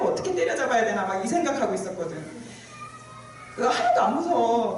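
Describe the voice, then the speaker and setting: A woman gives an emotional personal testimony at a church retreat, acting out her own past words as she tells the story. Her voice is mellow and warm. It echoes heavily around a large church hall and sounds as if she stands well back from the microphone. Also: a little high, recorded from a distance, slight background noise. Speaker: speaker giving a testimony.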